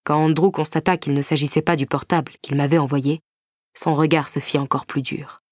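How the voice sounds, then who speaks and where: Low-voiced woman narrating a novel. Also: little pitch movement, a little mellow, no room sound, clean studio sound. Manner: measured, tense, intimate reading. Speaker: audiobook narrator. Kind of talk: first-person novel narration.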